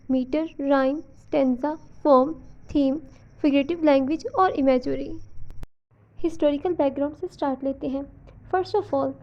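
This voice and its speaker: A woman's voice: high voice, highs cut off. A woman teaching a literature lesson, explaining step by step and reassuring her viewers. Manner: explanatory, reassuring students, stresses syllables when modeling. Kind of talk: recorded lesson in mixed Hindi-Urdu and English.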